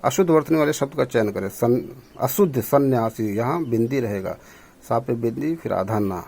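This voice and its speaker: A man's voice: mid-range voice, expressive, moderate pace, gravelly, a little mellow, breathy edge. A male teacher going through exam questions on correct usage, explaining each answer step by step. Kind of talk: exam prep lesson.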